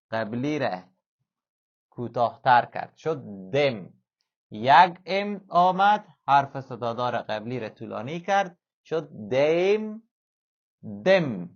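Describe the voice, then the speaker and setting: Patient male teacher. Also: medium pitch. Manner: patient, repeats example words slowly several times. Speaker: German language teacher. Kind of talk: classroom-style language lesson. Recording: slightly dull lo-fi sound.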